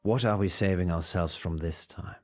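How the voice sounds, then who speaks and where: A man playing a suave, mock-priestly late-night radio host in a game, theatrical and measured. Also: low voice, a little mellow. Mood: skeptical.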